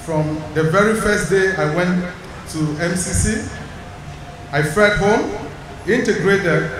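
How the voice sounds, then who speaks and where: A man from Cameroon, giving a prepared personal testimony at a church service in a measured, deliberate way. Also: sits high. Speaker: congregant sharing a testimony. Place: large church sanctuary. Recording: echoey hall from far off, noisy.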